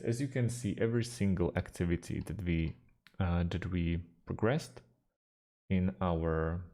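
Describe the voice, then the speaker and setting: Hosting a screen-recorded software tutorial, a gravelly-voiced Slovak man speaks in a low register. His pace is slow and unhurried, with hesitant fillers and phrasing that isn't quite native.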